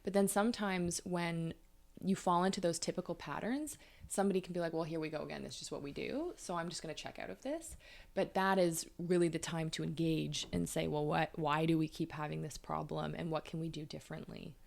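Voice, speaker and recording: Low, gravelly-voiced woman therapist. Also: a little fast, darkish tone. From Canada. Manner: thoughtful, explains with examples. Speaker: couples therapist. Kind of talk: conversational interview.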